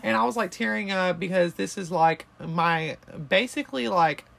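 A woman's voice: fairly low pitch, normal speed, vocal fry, fairly bright tone. A young woman, co-hosting a casual podcast chat, rambling and swearing freely. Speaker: podcast co-host.

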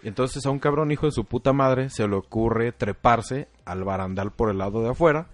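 A man's voice: mid-range voice, moderate pace, dry recording. A man with a Mexican Spanish accent, co-hosting a podcast, telling profane jokes and stories in casual banter. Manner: profane, joking, storytelling. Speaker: podcast co-host.

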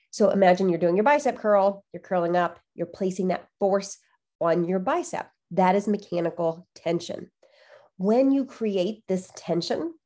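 Stuffed up from a cold, this woman hosts her podcast alone, her nasal, congested voice sitting fairly low with a dark tone. She explains her points in a chatty, emphatic manner.

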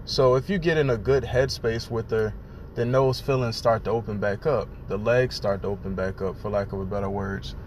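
Young man in his late twenties, podcast host, frank rambling talk from a car, rain noise clear behind him. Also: fairly low pitch, fairly even intonation, moderate pace, darkish tone. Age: 20s. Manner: candid, rambling, conversational. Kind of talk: casual personal monologue.

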